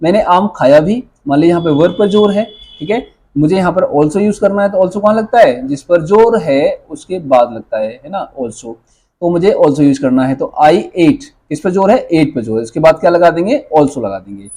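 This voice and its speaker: A man's voice: on the high side, lively intonation, normal speed, dark tone, husky. A man teaching an English grammar lesson, speaking mostly Hindi with an Indian accent and explaining step by step, asking the class questions and checking in with "right?".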